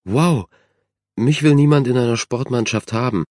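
A man voicing a shy, insecure young girl who speaks softly and hesitantly. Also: medium pitch, normal speed, no echo, studio quality, voice pushed up, close to an everyday voice. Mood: timid. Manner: timid, soft-spoken.

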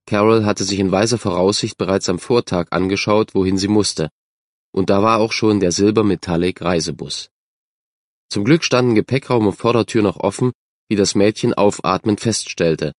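A man giving scripted narration of a children's story in a measured, even way. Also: lowish voice, dry recording, clean studio sound. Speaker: audiobook narrator.

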